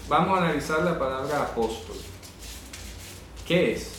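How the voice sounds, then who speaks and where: A man teaching a Bible class explains words step by step, asking "¿ya?" to check that students follow and insistently correcting their pronunciation. His voice is a little high, animated and at normal speed, captured far from the mic in an echoey room with noisy background.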